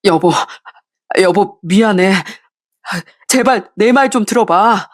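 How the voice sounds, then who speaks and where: A woman's voice: mid-range voice, takes it slowly, no echo, natural voice. Woman doing a panicky husband, stammering pleas, dry close read. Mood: flustered pleading. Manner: stammering, pleading. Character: cheating middle-aged husband, flustered and pleading.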